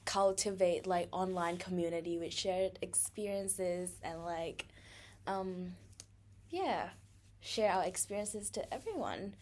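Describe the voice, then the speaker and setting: Slow, chatty young woman podcaster. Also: lowish voice, a little mellow. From Thailand. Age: young adult. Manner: chatty, laughs often, many fillers. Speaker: podcast co-host. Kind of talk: casual podcast chat.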